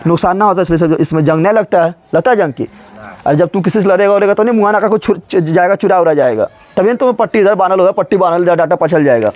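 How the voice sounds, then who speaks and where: A male teacher, explaining chemistry with lively questions and playful stories. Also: high-pitched, fast. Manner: animated, asks students constant questions, acts out elements as characters. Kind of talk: classroom chemistry lesson.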